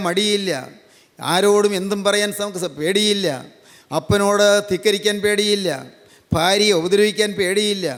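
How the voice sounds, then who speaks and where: A man from Kerala preaches in a high, even tone, stacking repeated phrases and firing rhetorical questions at his listeners. His voice hangs in a long, echoing reverb, as if in a large hall. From Kerala, India. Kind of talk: sermon.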